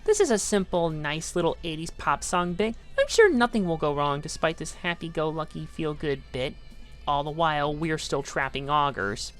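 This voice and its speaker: Brief: woman game reviewer, low but lively voice, sarcastic narration. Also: normal speed, faint music behind. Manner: dry, sarcastic asides. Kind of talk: scripted video-essay narration.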